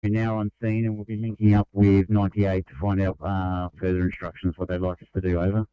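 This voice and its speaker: A man's voice: sits low, monotone, a little fast, clean tone, no room sound, dull audio. A man with an Australian accent working as an emergency radio dispatcher, heard over a two-way radio and speaking in clipped, procedural codes. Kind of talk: radio call.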